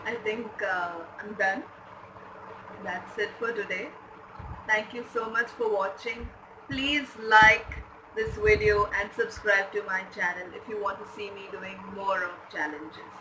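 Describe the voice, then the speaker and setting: Casting: female vlogger, unhurried and halting, mid pitch, casual direct address, clear background noise. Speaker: vlogger doing a challenge video. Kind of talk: casual vlog chat to viewers. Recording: noisy home-video sound, steady background noise.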